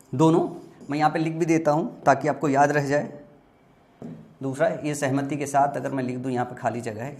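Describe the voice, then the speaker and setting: A man's voice: mid-range voice, creaky. Man teaching vocabulary, patient and repetitive. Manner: explains patiently, asks and answers own questions. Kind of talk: exam-prep lesson, Hindi mixed with English.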